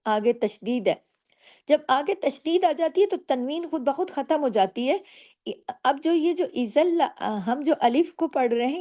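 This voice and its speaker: A woman's voice: high-pitched, dark tone. A woman teaching Quran recitation rules in a patient, step-by-step lesson, often answering her own questions. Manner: patient, explains each rule and asks rhetorical questions. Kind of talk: slow step-by-step tajweed lesson.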